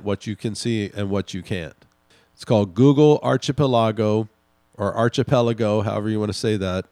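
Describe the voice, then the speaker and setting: Guy doing a commentary podcast, emphatic, slows down to hammer points, dry close mic. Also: mid-range voice, darkish tone, no echo. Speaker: podcast host. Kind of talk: commentary reading news articles.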